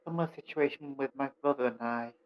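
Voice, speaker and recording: A man playing a tabletop game, speaking in character with formal, measured phrasing. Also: medium pitch, lo-fi sound. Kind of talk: in-character role-play.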